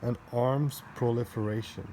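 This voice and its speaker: A man reading a book aloud slowly, pausing often, rereading lines and adding his own offhand commentary. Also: medium pitch, fairly even intonation, warm tone. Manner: slow, halting reading, rereads lines, laughs to himself. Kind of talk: casual read-aloud with commentary. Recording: faint background noise.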